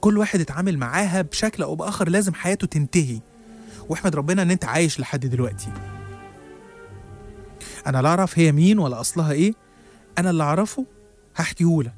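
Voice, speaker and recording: A man with an Egyptian accent voicing a weary, frightened older ambulance driver who speaks gravely. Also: on the high side, very fast, long pauses, darkish tone, faint music behind, natural voice. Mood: grave warning. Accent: Egyptian Arabic. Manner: grave, warning, sudden angry outbursts.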